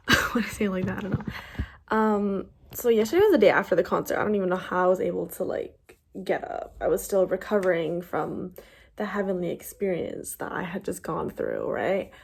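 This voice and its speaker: A young woman talks straight to her vlog audience in a loose, chatty way. She rambles and restarts her sentences and scatters fillers through them. Her voice sits at an average pitch for a woman. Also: vocal fry, husky. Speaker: vlogger. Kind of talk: casual vlog chat.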